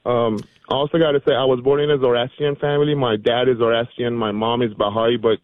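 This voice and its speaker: A man's voice: mid-range voice, level tone, quick pace, no room sound. A man who grew up in Iran, calling in to a radio show, fervent and grateful, speaking with frequent ums and likes. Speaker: caller. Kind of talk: phone-in call. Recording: tinny phone line.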